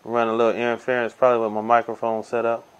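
An easygoing man narrates a hands-on tech demo at a table by the window. His voice sits in an ordinary middle range, and he walks through each step slowly with plenty of ums and uhs, as heard through a camera mic. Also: mid-range voice, completely flat delivery, clean tone. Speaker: tech reviewer. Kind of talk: casual hands-on product demo. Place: indoors at a table by window blinds.

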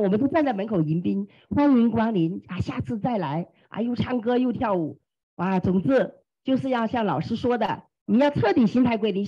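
Husky, animated woman giving a motivational testimony. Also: fairly high pitch. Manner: animated, exclamatory, acts out quoted dialogue. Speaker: team leader sharing experience. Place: classroom. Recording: dull lo-fi room recording.

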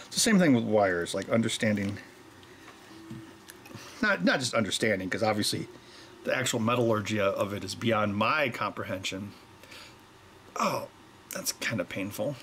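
Casually explaining his soldering at a workbench, a middle-aged electronics maker and show host drifts into joking tangents. His lowish voice has lively intonation and a bit of brightness, moving at a moderate pace with long pauses, and a little hiss or hum is audible.

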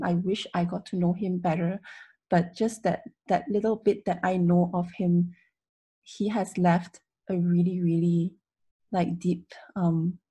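Solemn, husky, mellow young woman. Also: on the low side. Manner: solemn, heartfelt, reflective. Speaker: friend giving a memorial tribute. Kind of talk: informal memorial speech. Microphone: video call, computer microphone.

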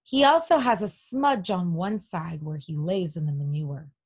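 A woman's voice: on the low side, unhurried, darkish tone, husky. A woman doing a bossy, determined farm wife. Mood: insistent. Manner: bossy and insistent.

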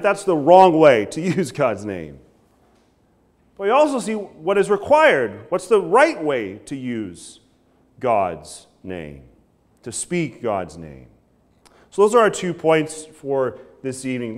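At a wooden pulpit in a church sanctuary, a thirty-something pastor delivers a sermon in a slightly high voice. He preaches animatedly with hand gestures, his pitch swinging widely and dropping to low endings on key phrases, and he keeps checking in with "right?"

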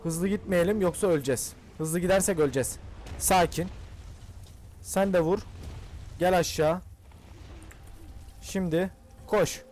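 An excitable young man talks through his gameplay, cursing and pleading with the characters on screen. His voice sits high for a man. Faint noise runs under the recording. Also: unhurried, pauses often. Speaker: gaming channel host. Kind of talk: casual gameplay commentary.

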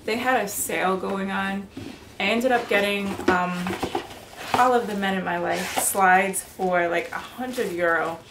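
A woman in her thirties chatting casually to camera in a room at home, bubbly and quick to laugh. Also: medium pitch. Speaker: fashion vlogger. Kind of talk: casual haul chat. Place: bedroom or apartment, indoors. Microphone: camera on tripod, mid-distance. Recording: roomy, noisy indoor recording.

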